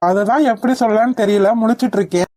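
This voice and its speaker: A woman's voice: mid-range voice, fast talker, noisy background, lightly acted. A woman doing a friendly hesitant doctor. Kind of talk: cartoon voice acting.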